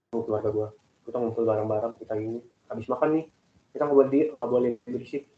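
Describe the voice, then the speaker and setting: A young man chatting casually with classmates, rambling and animated as he tells about his family. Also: medium pitch, fast talker, a little hiss or hum. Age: young adult. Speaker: student in group discussion. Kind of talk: casual chat. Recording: echoey, phone-like call audio.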